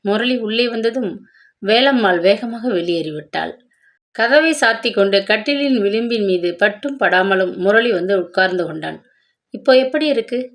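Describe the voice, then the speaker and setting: Woman reading a romance novel aloud. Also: mid-range voice. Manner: steady, measured narration. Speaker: storyteller.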